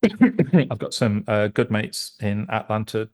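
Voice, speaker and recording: A middle-aged man talks in a lowish voice as an interview guest. He rambles and restarts his sentences, with plenty of fillers along the way. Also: expressive, slow, darkish tone. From England. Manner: rambling, stop-start with many restarts and fillers. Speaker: guest, musician and producer. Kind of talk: casual interview chat.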